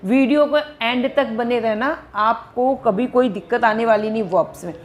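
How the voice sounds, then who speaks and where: A woman's voice: a little high, moderate pace, a little hiss or hum. A woman teaching an English grammar lesson, patiently repeating each word and asking and answering her own questions. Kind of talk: Hindi-language grammar lesson.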